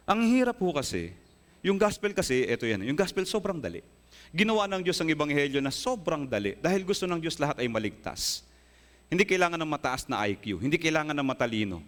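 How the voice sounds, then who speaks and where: A pastor delivers an earnest sermon in a fairly high male voice, rising into emphatic peaks and asking his listeners rhetorical questions. His words ring out with a long reverb from the church hall around him. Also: a bit bright. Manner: earnest preaching, rises to emphatic high bursts; asks the congregation rhetorical questions.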